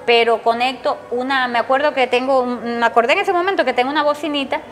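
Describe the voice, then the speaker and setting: Cuban woman giving emotional testimony. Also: fast talker. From Cuba. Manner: tells events in long runs, acts out her son's words in a raised pitch. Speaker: interviewee, mother of a jailed protester.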